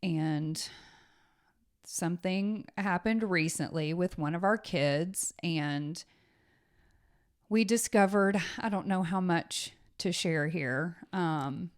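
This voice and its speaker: A woman in her thirties co-hosting a podcast in relaxed conversation. Her voice sits low and she speaks at an unhurried pace. She comes across as earnest and thoughtful and often murmurs agreement. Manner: earnest, thoughtful, with frequent mm-hmms. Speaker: podcast co-host. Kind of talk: casual chat.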